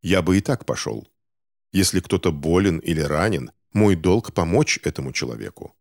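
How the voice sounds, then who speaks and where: A man reading a calm, measured doctor. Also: sits low, vocal fry, no echo, clean studio sound. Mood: calm, reasoning. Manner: measured, reasoning, persuasive. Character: calm, patient adult male doctor. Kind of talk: audiobook character voice.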